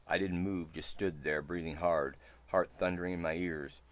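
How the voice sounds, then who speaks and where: A man reading a first-person western story aloud, in a steady, low narration. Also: normal speed.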